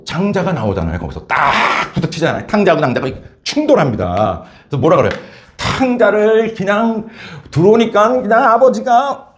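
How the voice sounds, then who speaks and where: A male preacher giving a lively, story-driven sermon, often prompting listeners with "예?" and "여러분". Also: high-pitched, a little fast. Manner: animated storytelling, frequent "예?" and "여러분".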